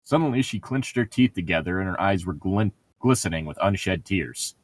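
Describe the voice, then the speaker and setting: A low-voiced, animated man speaks at a moderate pace. Co-hosting a podcast where a novel is read aloud, he blends book narration with casual, irreverent jokes.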